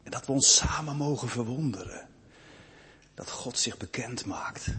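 A young man preaching a sermon to a congregation. He moves from hushed, slow passages to loud, fervent rises. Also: medium pitch, husky. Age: young adult. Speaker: pastor. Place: church. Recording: long reverb of a church hall.

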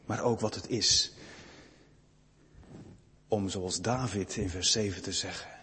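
A young man preaching a sermon to a congregation. He moves from hushed, slow passages to loud, fervent rises. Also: low voice, a little hiss or hum. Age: young adult. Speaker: pastor. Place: church. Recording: long reverb of a church hall.

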